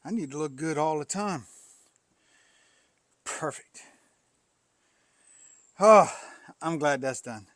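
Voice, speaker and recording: A pastor who also welds hosts a channel and rambles casually in his workshop for a shop vlog, folksy in manner and often sighing and coughing between thoughts. His voice is fairly high, animated and a bit bright, with a slow pace, long pauses and no echo.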